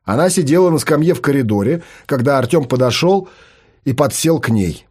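A man narrating an audiobook in an expressive storytelling manner. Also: mid-range voice, brisk, breathy edge. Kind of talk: scripted narration.

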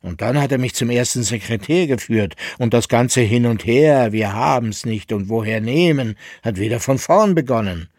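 An exasperated merchant grumbles about his troubles in a dry, close radio reading. A man reads him with a husky voice that carries a steady note of complaint. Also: mid-range voice, moderate pace, few pauses, dry recording, close to an everyday voice. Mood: aggrieved. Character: indignant middle-aged male merchant, grumbling.

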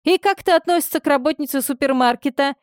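A woman's voice: high-pitched, animated, moderate pace, no room sound, studio quality, voice pushed up. A woman voicing a stern, bossy female shift supervisor who scolds and orders people around. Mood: indignant. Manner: scolding, commanding.

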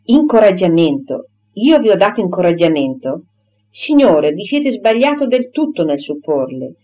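A woman voicing a proper young gentlewoman who firmly and formally rejects a suitor, on a dull lo-fi recording. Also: lowish voice, sing-song, moderate pace. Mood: indignant firm. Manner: firm, crisp and formal.

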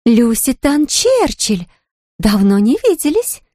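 A woman reading an audiobook, voicing a breathless, gushing socialite woman who coos in a high voice. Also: big pitch swings, slow pace, dark tone, dry recording, studio quality, exaggerated voice. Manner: high cooing gush.

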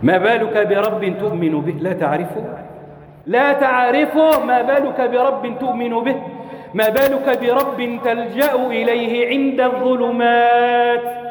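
A high-voiced man delivers a fervent sermon, hammering phrases through repetition and now and then drifting into a chant. His voice rings through a large hall with a long, echoing reverb. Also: moderate pace. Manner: impassioned, rhetorical repetition, sometimes chanting. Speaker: preacher.

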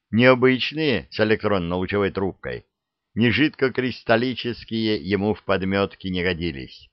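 A man narrating a humorous fairy-tale audiobook in a wry, unhurried way, in a dull dry recording. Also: on the low side, no echo.

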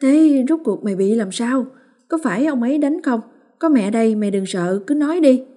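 Woman putting on a shrill, furious village mother. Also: close to an everyday voice. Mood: anxious. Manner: scolding, shouting in rapid bursts. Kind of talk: audiobook character voice.

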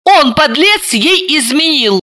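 A high-strung young woman, her voice shooting up and swooping wildly as she wails in a storybook reading, put on by a woman narrator. The tone is bright and piercing. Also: sing-song, takes it slowly, full character voice. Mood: distraught. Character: hysterical tearful young woman.

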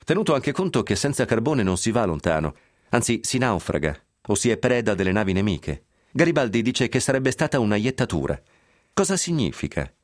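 A man's voice: fairly low pitch, very animated, brisk, no room sound, clean studio sound. A man reading a scripted history piece on the radio, telling it with a wry, ironic edge and sly asides. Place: radio studio.

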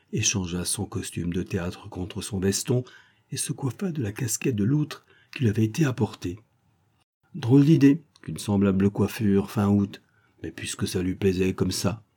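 A man narrating an audiobook in a steady, measured storytelling manner. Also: lowish voice, breathy edge. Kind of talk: scripted narration.

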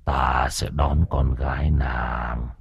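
A man voicing a cruel male ghost in a slow, low, breathy whisper. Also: little pitch movement, lo-fi sound, heavily acted. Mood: sinister whisper. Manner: slow, drawn-out, sinister.

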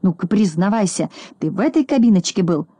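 A woman voicing a boastful, quick-tempered little boy in a children's storybook, bossy and scolding. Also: mid-range voice, slightly rough, dry recording. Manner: bossy, scolding, easily excited.

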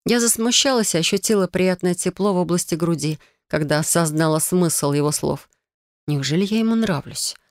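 A woman narrating a first-person fantasy story in an even, expressive reading. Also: on the low side, moderate pace, dry recording, clean studio sound. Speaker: audiobook narrator.

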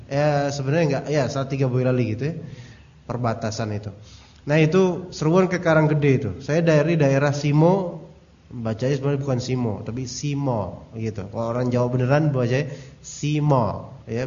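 A man's voice: medium pitch, normal speed, darkish tone. A man teaching a religious study lecture in a casual, joking way, telling anecdotes and speaking directly to his audience. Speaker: Islamic teacher. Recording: dull lo-fi recording.

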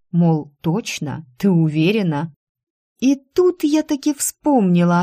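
Woman audiobook narrator, lower voice, close dry studio read, expressive storytelling. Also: no echo. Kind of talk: first-person audiobook narration.

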